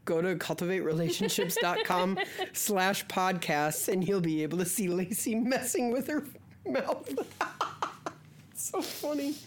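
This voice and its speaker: A woman's voice: mid-range voice, unhurried, a little hiss or hum. A woman co-hosting a podcast with casual, rambling, playful chat. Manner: playful, jokey, scattered. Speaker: podcast co-host.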